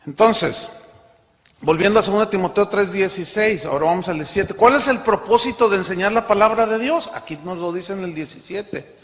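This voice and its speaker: A man's voice: sits high, brisk, a bit bright. A man preaching a sermon as pastor, emphatic and rising when he quotes scripture. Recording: long hall reverb.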